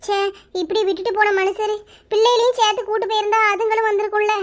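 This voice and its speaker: A woman voicing a shrill, motherly village auntie. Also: flat delivery, quick pace. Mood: concerned. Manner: sympathetic, indignant, fussing. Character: caring older-sister village woman, mother of two. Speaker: elder sister figure. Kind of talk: cartoon voice acting.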